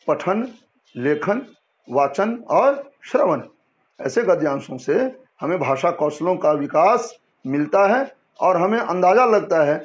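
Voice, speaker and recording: A man teaching a Hindi language lesson to students, explaining patiently and often asking and answering his own questions. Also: fairly high pitch. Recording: dull lo-fi sound.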